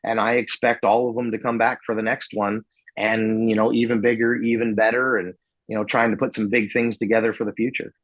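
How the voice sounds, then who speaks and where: A man's voice: lowish voice, level tone, a little fast, no echo, dull audio. A man who promotes events, a guest chatting casually on a podcast in an easygoing, modest way. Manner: easygoing, modest, with frequent restarts.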